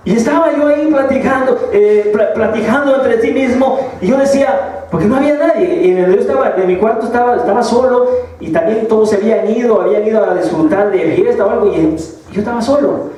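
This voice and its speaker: Rich: A man with a high voice gives a sermon testimony in a church, earnest and emotional, repeating phrases as he goes. His voice rings with heavy echo and sounds distant from the microphone, as if it were set at the back of the hall. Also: brisk, mellow. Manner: earnest, repetitive and emotional, with many restarts. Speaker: lay preacher. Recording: echoey church hall, mic far off.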